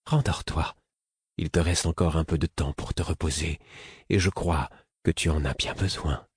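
A man reading an audiobook voices a gentle male jester who murmurs and pleads as he tends to someone. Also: extremely low pitch, moderate pace, husky, no echo, clean studio sound, full character voice. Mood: soothing. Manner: soft, coaxing, murmured.

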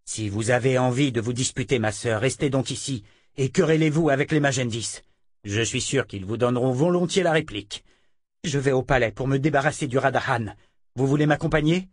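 A man's voice: medium pitch, a little fast, no echo, studio quality, natural voice. A man reading an audiobook voices a commanding young hero who gives stern orders. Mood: scornful. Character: commanding angry young male seeker.

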